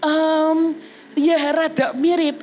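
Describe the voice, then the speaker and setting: A young adult woman evangelist giving a sermon at a church service. She tells her own story in a vivid, animated way and keeps turning to address the congregation. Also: high voice, extremely slow, a little hiss or hum. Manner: animated storytelling, often addressing listeners as brothers and sisters. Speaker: evangelist preacher. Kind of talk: testimony sermon.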